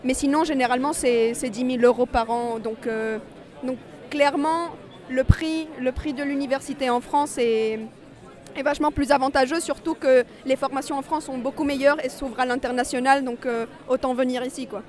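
A woman's voice: high-pitched, steady tone, normal speed, darkish tone. A woman in her twenties, a master's student, explaining things eagerly in a street interview outdoors at a protest.

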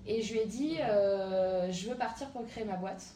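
A woman in her thirties from southern France, an entrepreneur, talks casually about her career as an interview guest, filling her speech with hesitant fillers. Her voice is medium-pitched, warm, and moderately paced, with a little hiss or hum. The mic sits at a distance in a roomy space with faint ambience.

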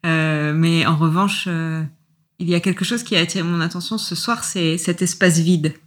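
A socially awkward guest at a party asks polite, halting questions, as a woman acts her out. She hesitates often and fills her pauses, but stays courteous and curious. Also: fairly low pitch, fairly even intonation, natural voice. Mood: hesitant, curious. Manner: hesitant, with many fillers.

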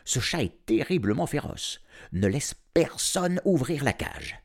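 A man's voice: mid-range voice, sing-song, voice pushed up. A man doing a smug vet. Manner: self-satisfied, brisk. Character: smug male veterinarian.

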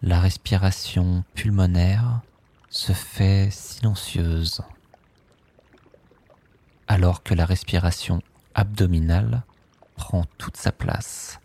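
A man leading a guided sleep meditation, speaking softly and calmly in drawn-out phrases with long pauses. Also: low-pitched, gravelly. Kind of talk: slow guided relaxation script.

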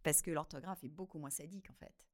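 A woman appears as a guest author in a radio interview conversation, her voice sitting low. She is animated and expressive, laughing often with loud bursts of emphasis, and she speaks with many hesitations and repeated words.

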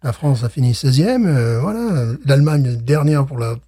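A man's voice: medium pitch, moderate pace, slightly rough. A middle-aged man co-hosting a podcast in casual chat, stammering and repeating words as he tells stories with laughs. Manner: animated storyteller, laughs while telling. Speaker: podcast co-host.

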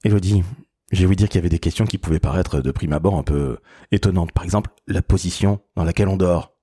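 Deep husky-voiced podcast host. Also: male voice, quick pace, dark tone, no echo, clean studio sound. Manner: emphatic, praising guests with big words. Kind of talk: enthusiastic podcast hosting.

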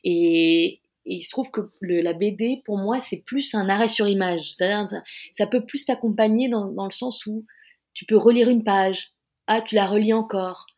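A woman's voice: medium pitch, moderate pace, darkish tone. A woman with a French accent answering in a casual interview, hesitant and searching for her words. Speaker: interviewed author.

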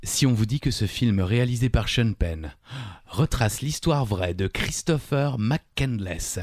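Male quiz co-host, teasing and playful, very animated delivery, dry close mic. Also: medium pitch, a little slow, no room sound. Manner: teasing, playful, reads questions aloud. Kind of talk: casual joking chat.

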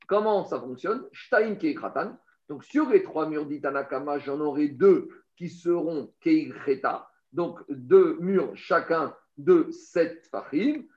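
Speaking straight to the listener in a slightly high voice, a man leads a Talmud study session, laying things out step by step and frequently repeating words as he finds what to say. The audio sounds roomy, dull, and lo-fi.

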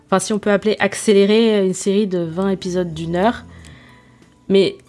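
A woman's voice: medium pitch, steady tone, moderate pace, dark tone, faint music behind. A woman hosting a casual solo podcast, speaking in informal, slangy language with self-deprecating asides and searching hesitations. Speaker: podcast host.

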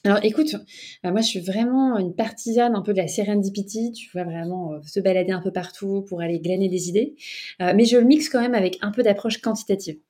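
A woman's voice: mid-range voice, a little fast. A young woman, a startup cofounder interviewed as a guest, speaking casually and chattily and often saying "tu vois". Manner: lively, chatty, peppered with "tu vois".

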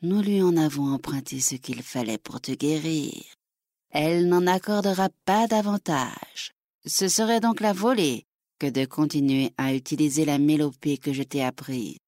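A woman voicing a mysterious old woman of the forest who gives a grave, measured warning. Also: deep voice, mellow, no echo, clean studio sound, lightly acted.

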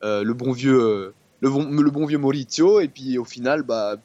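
A man's voice: medium pitch, moderate pace, mellow, no room sound, muffled recording. A man, a guest football specialist on a casual podcast, rambling and repeating words. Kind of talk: casual sports podcast chat.

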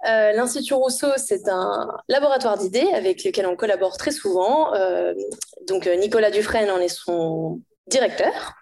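A woman's voice: mid-range voice, moderate pace, a little mellow. A woman moderating a conference, formally introducing the event and its speakers.

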